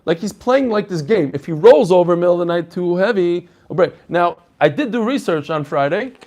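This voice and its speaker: A man's voice: sits high, animated, fairly quick, a little mellow, muffled recording. Guy, rabbi explaining a text casually, lots of rhetorical questions. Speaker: rabbi teaching a daily Talmud class. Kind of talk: informal religious lesson, explaining a text aloud.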